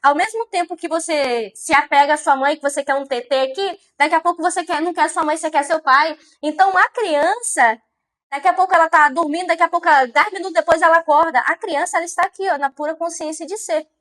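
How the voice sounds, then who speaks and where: A woman's voice: very high voice, quick pace, fairly bright tone. A woman giving a motivational monologue on mindset, repeating phrases and asking the listener rhetorical questions. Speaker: mindset speaker.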